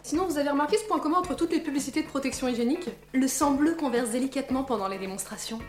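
A high-voiced woman narrates with dry sarcasm and crude jokes, full of mock enthusiasm. Her voice sounds roomy, with clear music running underneath. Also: racing. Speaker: comedy video host.

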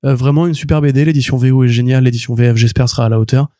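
A man chatting on a comics podcast, full of restarts and "euh" fillers. He speaks quickly, with a mellow, warm tone. The recording is dry and close. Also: mid-range voice, fairly even intonation, no room sound. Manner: rambling, many restarts and fillers, enthusiastic. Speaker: podcast co-host. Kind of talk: casual chat reviewing comics.

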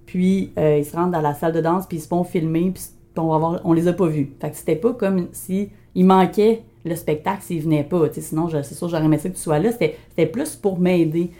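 A woman's voice: on the low side, steady tone, a little fast, few pauses, dark tone. A woman with a Quebec French accent co-hosting a podcast in casual conversation, hesitating and repeating words as she searches for them. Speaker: podcast co-host.

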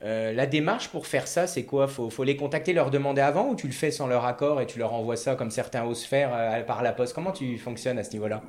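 A man's voice: medium pitch, brisk, hardly any pauses, darkish tone. A man hosting a business interview, asking questions hesitantly and searching for his words.

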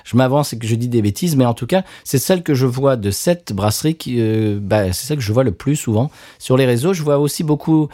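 A man chatting casually while tasting beer, lively and repeating words as he searches for them. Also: medium pitch, fairly quick, hardly any pauses. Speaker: beer taster. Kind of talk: casual chat.

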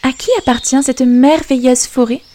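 A woman voicing a spoiled young princess in a storybook reading, speaking high and exclaiming. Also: fairly even intonation, normal speed, dark tone, slight background noise, lightly acted. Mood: wistful. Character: spoiled young princess, haughty then regretful.

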